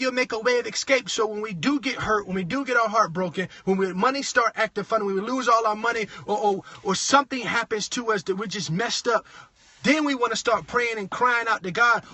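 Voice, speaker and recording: High, bright-voiced man preaching bluntly. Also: no room sound. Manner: blunt, frustrated, repeats words and restarts. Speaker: preacher sharing advice on a livestream. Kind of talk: impassioned preachy monologue. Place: inside a parked car.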